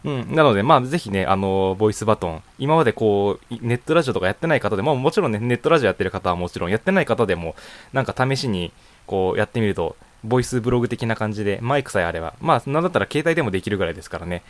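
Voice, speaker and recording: A man's voice: lowish voice, expressive, rapid-fire, no echo. A young man in his student years hosting his own net radio show, talking alone in a loose, rambling way with frequent chuckles and fillers. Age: young adult. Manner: rambling, chuckles often, many casual fillers. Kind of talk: casual solo talk answering a voice questionnaire. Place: home room.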